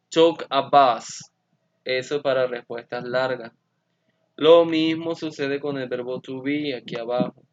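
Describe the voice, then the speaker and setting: A male English teacher explaining grammar to his students, switching between Spanish and English and spelling out each example step by step. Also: mid-range voice. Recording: dull lo-fi sound.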